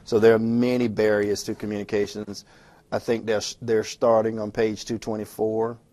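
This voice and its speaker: A man talking fast and conversationally as he records a lecture walking through a textbook chapter, with frequent restarts. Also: on the low side, flat delivery, mellow. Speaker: instructor. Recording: self-recorded lecture audio.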